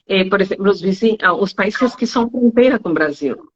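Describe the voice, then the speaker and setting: This Spanish teacher and travel agent speaks fairly quickly in a husky voice as she's interviewed. Relating lively anecdotes, she acts out what her students said using high voices, all captured in dull lo-fi audio.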